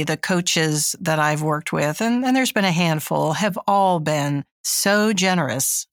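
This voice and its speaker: A woman hosting a podcast, chatty and quick to laugh as she asks her guest questions. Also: sits low, vocal fry, a bit bright, no room sound, studio quality. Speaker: podcast host. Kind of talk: casual interview chat.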